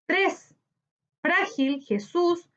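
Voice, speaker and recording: A woman teacher with a Chilean Spanish accent, slowly explaining a grammar lesson to children and stretching words out syllable by syllable. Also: very high-pitched, lively intonation, a bit bright. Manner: slow, clear, syllable-by-syllable teaching delivery. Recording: slightly dull lo-fi audio.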